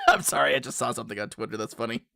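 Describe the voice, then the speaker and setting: A man's voice: mid-range voice, creaky, bright, forceful tone, dry recording, clean studio sound. A young man streaming from home, chatting casually with viewers and often laughing as he reacts to the chat.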